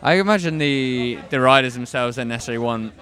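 A man's voice: medium pitch, fast talker, fairly bright tone, a faint crowd. A man with a mid-range voice co-hosts a casual podcast. He tells his stories in a dry, joking way. He is recorded outdoors in an urban setting. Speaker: podcast co-host.

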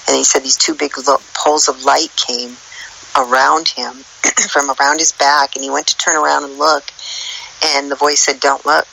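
Low creaky-voiced woman telling a story. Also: level tone, moderate pace, sharp tone, a little hiss or hum, poor audio. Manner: rambling earnest storyteller. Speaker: guest. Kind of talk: casual spiritual chat.

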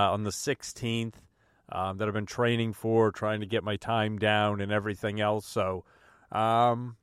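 A man's voice: fairly low pitch, fairly bright tone, dry recording. Forty-something guy cussing a lot in casual podcast banter, dry close sound. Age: 40s. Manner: profane, blunt banter. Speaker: podcast co-host. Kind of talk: casual chat.

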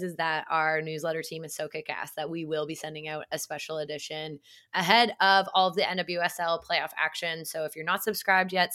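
A woman's voice: low-pitched, pushed and bright. A woman from Canada co-hosting a sports podcast, chatting casually and bubbly, laughing often. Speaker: podcast co-host.

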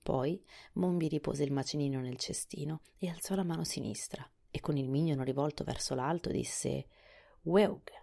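A woman narrating a storybook in a soft, often hushed reading voice. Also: low voice, moderate pace, gravelly, few pauses. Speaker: audiobook narrator.

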